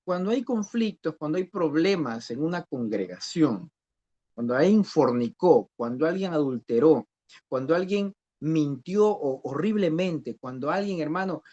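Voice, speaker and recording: A man's voice: fairly high pitch, a little mellow. A man teaching a discipleship Bible class who questions his students and repeats key phrases. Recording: dull lo-fi recording.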